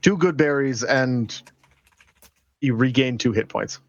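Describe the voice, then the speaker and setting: A man's voice: mid-range voice, takes it slowly, dry recording. A man playing a tabletop game in casual chat, dry and teasing, swearing casually. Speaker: player. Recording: slightly dull home mic.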